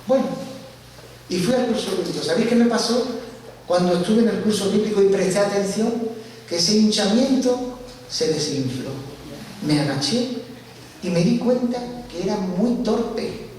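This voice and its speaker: A man giving a church testimony, telling his story with animated, acted-out dialogue. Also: high voice, normal speed, long pauses. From Spain. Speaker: guest speaker giving testimony. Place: large church hall. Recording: echoey church hall from far off, faint hiss.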